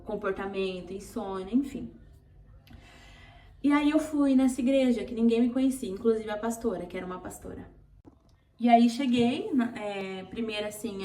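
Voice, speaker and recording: A woman's voice: medium pitch, warm tone. A Brazilian woman vlogger telling an emotional personal testimony, earnest and tearful, repeating words for emphasis. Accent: Brazilian Portuguese. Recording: roomy, distant from mic.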